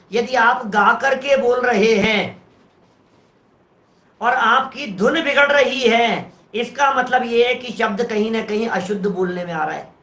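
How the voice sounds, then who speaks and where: Echoing through the room, a Jain preacher's extremely high, bright, and forceful voice explains a verse phrase by phrase. The man addresses his listeners with rhetorical questions as he gives his sermon.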